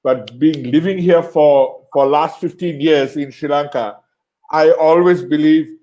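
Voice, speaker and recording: A man from Bangladesh hosts an interview and wraps it up, talking in halting stretches that are full of fillers and repeated words. His voice sits a little higher than most men's. He keeps thanking his guest over and over. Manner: warm thanks with many fillers and restarts. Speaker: host. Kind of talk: closing an online interview show.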